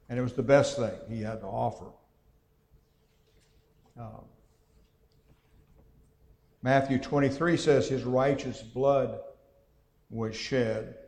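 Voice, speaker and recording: A man teaching a Bible class in a conversational way, thinking aloud with frequent pauses and reading scripture passages aloud. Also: medium pitch, a little mellow. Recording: echoey hall with long reverb.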